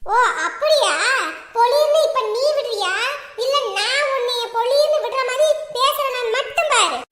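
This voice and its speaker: A woman playing a sharp-tongued, scheming young woman who taunts and quarrels with her family. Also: extremely high pitch, moderate pace. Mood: quarrelsome. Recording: echoey room, faint noise.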